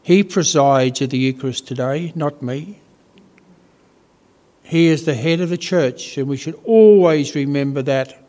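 Aussie priest giving a sermon, takes his time, slightly high voice. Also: warm tone. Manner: slow, deliberate preaching with pauses.

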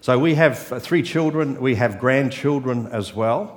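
An older man with an Australian accent, preaching as a guest pastor in short phrases that leave pauses for an interpreter, with light humour. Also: medium pitch. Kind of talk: sermon with live interpreter. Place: church sanctuary. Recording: reverberant church hall.

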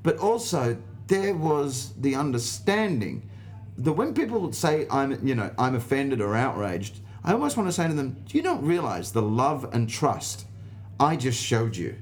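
An Australian stand-up in an interview tells his stories unhurriedly, his mid-range voice making big pitch swings. It's an animated, casual chat where he swears, stresses his points and plays out each exchange of dialogue.

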